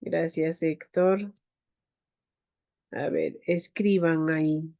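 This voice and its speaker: A woman teaching an online class, leading slow pronunciation drills and calling on students. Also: sits low, steady tone, creaky, mellow. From Peru. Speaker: Quechua teacher.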